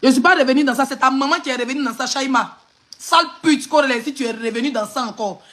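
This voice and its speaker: Speaking fast in a high, fairly bright voice, an Ivorian French-accented woman vents on a phone live stream. Her angry tirade mixes insults with mocking laughter.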